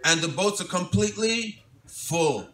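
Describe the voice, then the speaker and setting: A man giving a devotional sermon, recorded from across a roomy hall with a touch of faint background hum. His voice sits somewhat high for a man, and he tells the story gently and wistfully, sinking to a soft hush when he voices a plea. The mic is set well back from him. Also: animated, unhurried, distant mic. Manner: gentle, wistful storytelling, voice drops soft and quiet for quoted pleas. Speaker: monk giving a devotional lecture.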